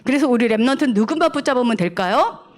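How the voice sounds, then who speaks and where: A woman preacher telling a Bible story to children in an animated sermon, asking them questions and acting out the quoted voices. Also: fairly high pitch, quick pace.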